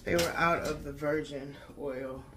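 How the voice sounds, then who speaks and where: Unpacking her groceries on camera, a female American vlogger talks to viewers in a colloquial, down-home manner. She speaks with a deep, steady voice at a measured pace, and the echoey room, faraway mic, and clear background noise come through.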